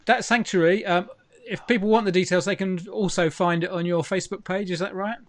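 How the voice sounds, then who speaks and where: A man, hosting a relaxed interview and cheering his guests on. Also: high-pitched, a little fast. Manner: easygoing, affirming. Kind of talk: casual video interview.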